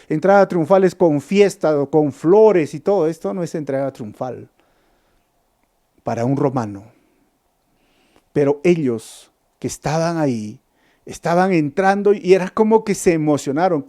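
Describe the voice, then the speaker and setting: A man's voice: fairly high pitch, mellow. A man with a Peruvian Spanish accent, teaching a Bible study sermon as pastor, acting out the quoted lines and putting questions to his listeners. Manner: dramatizes quotes, asks the audience questions.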